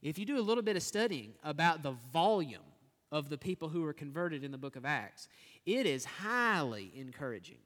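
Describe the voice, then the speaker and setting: High-voiced preacher in a reverberant hall. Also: male voice, big pitch swings, a little fast, a bit bright. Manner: earnest teaching, asks rhetorical questions. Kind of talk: sermon.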